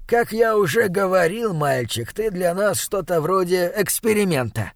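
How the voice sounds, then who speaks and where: A man reads as a smooth, patronizing old leader of a small town, coaxing and talking down to a young stranger. The voice sits a touch high and sounds close and dry, with no room around it. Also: lively intonation, normal speed, no room sound. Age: older. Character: elderly male town elder, smooth, condescending.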